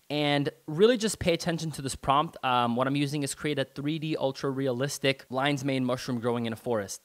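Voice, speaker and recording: A man narrates a screen-recorded tutorial in a relaxed, conversational way. His voice sits at an ordinary middle pitch. He uses easy slang and drops casual swear words as he explains each step. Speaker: online marketing tutor.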